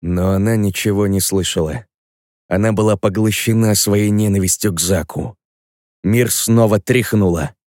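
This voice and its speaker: A man with a lowish voice narrates a fantasy story in a steady, even read. The sound is close and dry, with no room around it. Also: normal speed, no echo. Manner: even storytelling read, voicing every character himself. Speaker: audiobook narrator.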